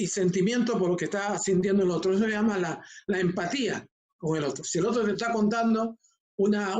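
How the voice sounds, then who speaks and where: An older man, a homiletics professor, teaching an online class in a calm, conversational way, speaking from a short distance to a laptop mic. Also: high voice.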